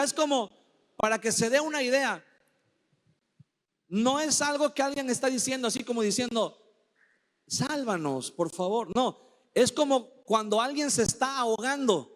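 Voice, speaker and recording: A man preaching a sermon as pastor, slow and emphatic, acting out desperate cries for help in his quotes. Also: very high-pitched, long reverb tail. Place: church sanctuary.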